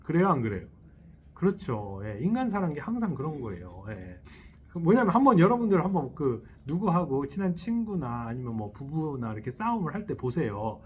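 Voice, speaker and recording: A man's voice: fairly high pitch, brisk, a little hiss or hum. A man, a Buddhist monk, giving a dharma talk who keeps questioning his listeners and chuckles as he acts out inner thoughts. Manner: lively, asks the audience questions and checks in often; chuckles while acting out little inner voices. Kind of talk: sermon. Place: temple hall. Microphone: selfie-style camera.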